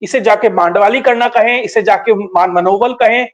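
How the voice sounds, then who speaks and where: Male political commentator, high-pitched, measured explanatory delivery with frequent fillers. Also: dull audio.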